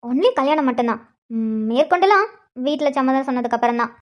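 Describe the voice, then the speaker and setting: A frightened, stubborn young woman who begs and insists to get her way. Her voice sits very high, almost girlish. It is a cartoon love story. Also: animated, fast talker. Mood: insistent. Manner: pleading, insistent. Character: young woman, anxious, clingy, stubborn bride-to-be. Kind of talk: cartoon voice acting.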